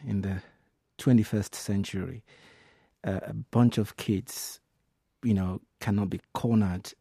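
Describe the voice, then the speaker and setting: A man's voice: on the low side, warm tone, husky, no room sound, clean studio sound. A Nigerian-born man, a filmmaker, speaking emotionally with many ums and repeated words. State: emotional, voice breaking. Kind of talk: emotional radio call-in comment.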